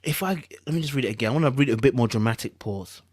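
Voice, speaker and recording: Rapid-fire and darkish in tone, the medium-pitched voice sits in clean studio sound without room reverb. Using slangy urban London speech, a podcast host informally riffs on a celebrity breakup statement, incredulous and exasperated, hammering points home by repeating phrases.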